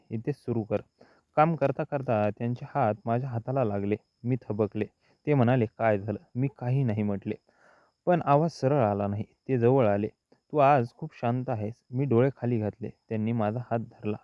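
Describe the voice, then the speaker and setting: Male story narrator, mid pitch, unhurried and even, lo-fi dry recording. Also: no echo. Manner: slow, even first-person storytelling. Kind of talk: scripted audiobook narration.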